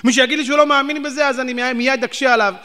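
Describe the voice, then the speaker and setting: A man preaching a sermon, animated and firing rhetorical questions at his audience. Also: extremely high pitch, clean tone. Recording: long hall reverb.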